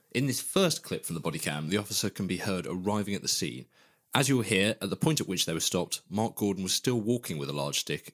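A man co-hosting a news podcast, explaining events in a brisk, scripted way. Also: sits low, a bit bright. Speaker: podcast co-host and reporter.

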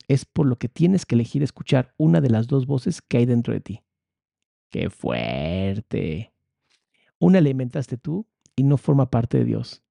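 A man with a Mexican accent teaching a spiritual course, reading passages aloud and commenting on them with expressive, sarcastic asides. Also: mid-range voice, vocal fry, no room sound. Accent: Mexican Spanish.

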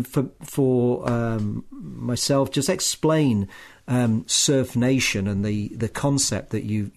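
A man's voice: medium pitch, darkish tone. A man hosting a podcast, asking questions in a musing way and often stammering at the start of phrases. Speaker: podcast host. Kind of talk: podcast interview.

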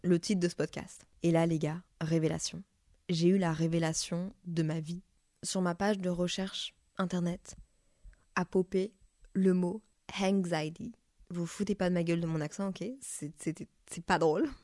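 A woman's voice: lowish voice, flat delivery, normal speed, mellow, no echo, clean studio sound. A woman in her twenties with a French accent, hosting a casual podcast monologue and talking candidly, swearing freely. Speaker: podcast host.

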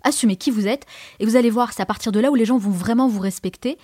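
A woman's voice: on the high side, fast talker, darkish tone, dry recording, clean studio sound. A woman hosting an interview, asking enthusiastic, leading questions. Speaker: interviewer, host.

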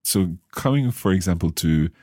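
A man hosting a language lesson podcast, trying out phrases slowly and asking curious questions. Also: low-pitched, lively intonation, a little mellow, no room sound, clean studio sound. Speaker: language course host.

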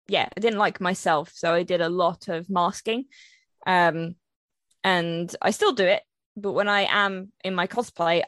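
A woman's voice: on the low side, a bit bright, no echo, clean studio sound. A young woman chatting candidly on a podcast as a cosplayer guest, laughing easily. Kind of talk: casual podcast chat.

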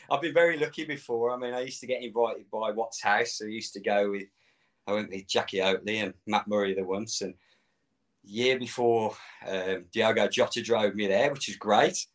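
A man's voice: lowish voice, steady tone, moderate pace. Easygoing middle-aged man. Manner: rambling, easygoing, laughs often. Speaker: guest. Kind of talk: casual chat.

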